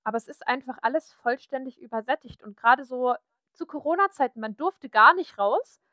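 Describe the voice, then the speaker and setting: A woman's voice: sits high, lively intonation, brisk, pushed and bright, no echo, lo-fi sound. A woman from Saxony talking frankly and chattily in a casual podcast conversation. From Saxony, Germany. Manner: frank, chatty, many fillers.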